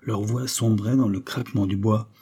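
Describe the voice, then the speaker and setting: A man reading a literary audiobook with measured, grave storytelling. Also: on the low side, fairly even intonation, mellow, slightly rough. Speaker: audiobook narrator.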